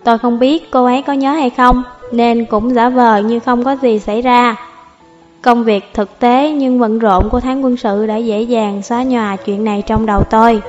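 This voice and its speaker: A woman narrating a novel audiobook in a calm, even storytelling manner, over faint music. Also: fairly high pitch, dull audio.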